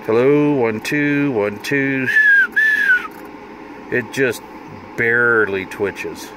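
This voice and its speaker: A middle-aged man speaks very slowly in a medium-pitched voice while demonstrating something hands-on for his hobby video. He's inside a parked vehicle, informal and partly talking to himself, with noticeable car and fan noise behind him.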